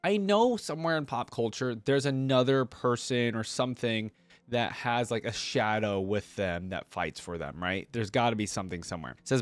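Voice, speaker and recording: In a dry recording, a medium-pitched man hosts a reaction video, chatting casually as he reads text aloud. He keeps stopping to toss in asides.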